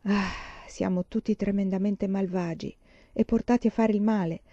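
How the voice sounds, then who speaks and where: Brief: calm, reflective blind older sister, voiced by a woman narrator, warm tone, dull audio. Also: mid-range voice, normal speed, dry recording, close to an everyday voice. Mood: gentle. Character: gentle, pious blind young woman.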